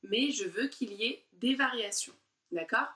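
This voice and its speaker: Femme prof de diction, articulation lente. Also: female voice, a little high, lively intonation, sharp tone, reverberant, recorded from a distance. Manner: slow, exaggerated articulation, guiding exercises. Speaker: voice and diction teacher. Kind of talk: online speech warm-up lesson.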